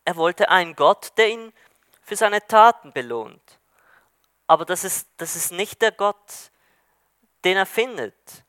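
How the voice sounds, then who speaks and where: A male preacher giving a sermon with a high, bright voice. He retells a story in a searching way, with frequent hesitations and restarts. The sound is dry and close. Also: animated, a little slow, pauses often, clear, resonant tone, no echo.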